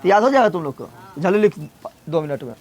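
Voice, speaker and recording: Guy teaching class, high voice, drills sounds out loud and quizzes the kids. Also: sing-song, fast, very noisy. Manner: drills syllables aloud, quizzes students, scolds them. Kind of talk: classroom grammar lesson.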